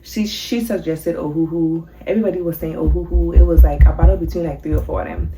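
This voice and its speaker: A woman's voice: sits low, animated, fast talker, warm tone, faint music behind, rough recording. A young woman with a Virgin Islands accent, chatting nervously and casually to camera in her first vlog about her coloring hobby. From Saint Thomas, U.S. Virgin Islands. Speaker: coloring vlogger. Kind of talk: casual first-video introduction.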